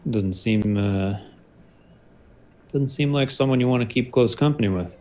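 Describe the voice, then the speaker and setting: A man's voice: mid-range voice, normal speed, a little hiss or hum. A man playing a tabletop game, talking casually in character.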